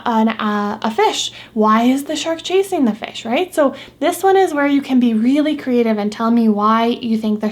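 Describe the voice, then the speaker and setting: A woman teacher giving a recorded phonics lesson to young students, patiently repeating example words slowly. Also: a little high.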